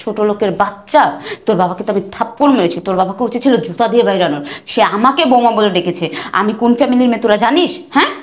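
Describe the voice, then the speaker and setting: A woman's voice: mid-range voice, animated, racing, a little hiss or hum, lightly acted. An actress playing an arrogant rich young bride who hurls scornful insults at her poor in-laws. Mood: contemptuous. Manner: shouting insults, sneering. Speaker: actress in a short drama. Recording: echoey room.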